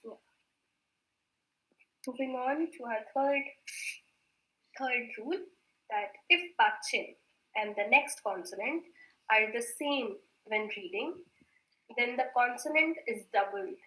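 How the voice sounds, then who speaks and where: Slow-speaking woman teacher, echoey room. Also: fairly high pitch, sharp tone. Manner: patient, repeats words slowly, mixes in Hindi; clears throat often. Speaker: Korean language teacher. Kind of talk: online grammar class.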